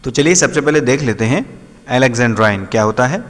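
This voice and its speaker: A man teaches literary terms in a patient, explanatory way. He reads each English definition out very slowly and checks in often with his students. His mid-range voice carries a long, ringing hall reverb. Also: medium pitch, lively intonation, a bit bright. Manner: slows down sharply to read English definitions; repetitive, checks in often with the listener. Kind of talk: explanatory lesson.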